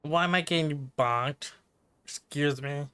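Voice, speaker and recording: A man's voice: on the high side, a little slow, bright, forceful tone, smooth. A man chatting casually as he streams a game, reacting and asking questions. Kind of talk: casual livestream chat.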